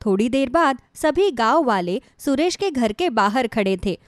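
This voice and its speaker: Give me a high-voiced woman narrating a bedtime story, dry and close. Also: expressive, unhurried, no room sound.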